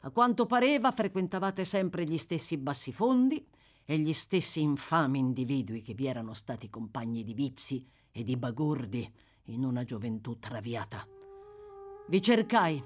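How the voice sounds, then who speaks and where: A woman performs the low-pitched voice of a stern elderly gentleman, speaking in a measured, firmly deliberate and accusing manner.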